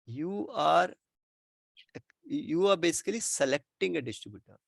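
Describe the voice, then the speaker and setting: A man's voice: a little high, expressive, moderate pace, creaky, no echo. Indian-accented man explaining step by step, close dry sound. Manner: repeats and rephrases, checks with "right?". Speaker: expert presenter answering questions. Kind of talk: informal explanatory Q&A with worked examples.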